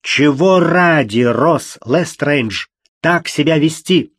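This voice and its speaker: A man's voice: fairly high pitch, animated, takes it slowly, a bit bright, no echo, studio quality, pitched above the performer's own voice, heavily acted. A man reading an audiobook, voicing a stern young man who speaks grimly and insistently.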